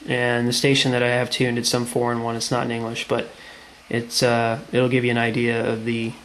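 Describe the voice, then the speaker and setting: A mid-range, fairly bright voice with completely flat delivery comes from a man demonstrating a task a little fast. He explains plainly step by step in a casual tutorial at an indoor tiled tabletop, with room echo and background noise.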